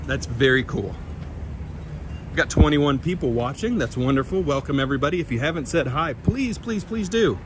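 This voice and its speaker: Walking down a city street, a middle-aged Kentucky man livestreams and chats with viewers in a friendly way, reading out their comments. He has a slight Southern twang and drawl, a fairly high voice with lively intonation, and a moderate pace, with traffic noise behind him.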